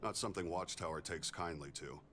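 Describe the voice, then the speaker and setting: An actor playing a composed augmented male ex-soldier engineer in a video game, speaking in a measured, plainspoken way. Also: low-pitched, a bit bright, a little hiss or hum. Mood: calm. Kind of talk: video game character dialogue.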